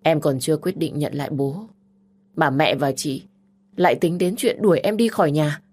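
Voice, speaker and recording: A woman's voice: deep voice, moderate pace, a little mellow. A woman voicing a stubborn young heroine who speaks firmly and curtly. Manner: firm, curt, defiant.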